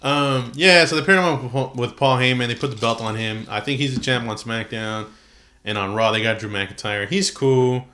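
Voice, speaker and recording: A man's voice: mid-range voice, fairly even intonation, normal speed, pushed and bright. A man hosting a podcast in a casual, slangy chat, peppering his talk with "dude" and "like". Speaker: podcast host. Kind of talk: casual chat about wrestling.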